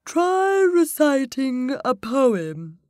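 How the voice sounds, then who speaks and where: Sleepy bossy caterpillar guy, read by a woman, very slow and drawn out, dry close sound. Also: medium pitch, big pitch swings, a little mellow, no echo, pitched above the performer's own voice. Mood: drowsy, demanding. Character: sleepy, curt male caterpillar. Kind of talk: storybook reading.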